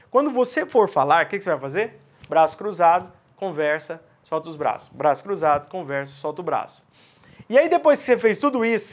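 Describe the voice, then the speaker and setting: A man teaching sales communication, talking straight to his viewers and answering his own questions. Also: high-pitched. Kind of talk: instructional talk to camera.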